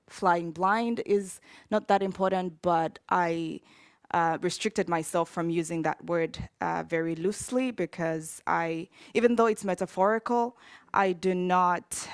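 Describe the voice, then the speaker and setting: Soft-spoken woman giving a conference talk. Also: fairly low pitch, smooth, no room sound, studio quality. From Zambia. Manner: conversational, with frequent fillers and self-corrections. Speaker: conference speaker. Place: conference hall.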